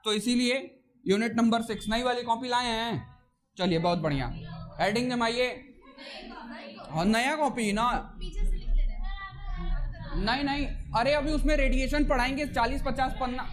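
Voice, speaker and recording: A man with a very high-pitched voice lectures a physics class in speech. He talks in a loose, chatty way, repeating checks like "theek na" and teasing or scolding the students as he goes. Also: a little slow, pauses often, crowd noise. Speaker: physics teacher.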